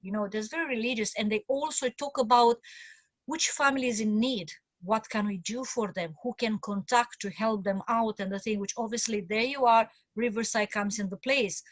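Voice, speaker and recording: Speaking at normal speed in a slightly high voice, this Romanian woman addresses an online meeting as a community speaker. Her talk over the video call is informal and enthusiastic, peppered with fillers and restarts, and there's no room sound.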